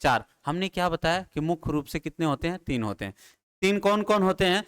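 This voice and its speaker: A man with a high, animated, smooth voice teaches Hindi grammar fairly quickly at a classroom board. He speaks familiarly to his students and drills terms over and over, raising questions and then answering them himself.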